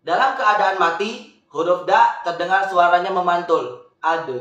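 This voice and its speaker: A man's voice: high voice, normal speed, fairly bright tone, echoey room, rough recording. A man teaching the pronunciation of Arabic letters step by step, patiently drilling syllables and lifting them into sung tones. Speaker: Quran recitation teacher.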